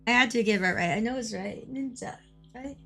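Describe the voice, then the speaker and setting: A chatty, excitable woman game streamer with a bright, fairly high voice that is hoarse from coughing. She talks casually, repeats her phrases and swears freely, with music playing along. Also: a little fast. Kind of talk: casual live-stream chat.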